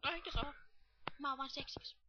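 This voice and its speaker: A man voicing a flirty woman who pitches a strip club, in a coy, breathy falsetto. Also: fairly even intonation, sharp tone, dull audio, a little hiss or hum, exaggerated voice.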